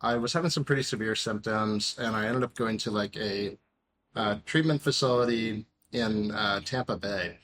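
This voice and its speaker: A man in his thirties talks as a podcast guest in an easygoing, wandering way. His voice sits on the lower side. He fills every pause with "um" and "like". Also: fairly bright tone, a little hiss or hum. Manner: rambling, many fillers like "um" and "like". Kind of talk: casual interview chat.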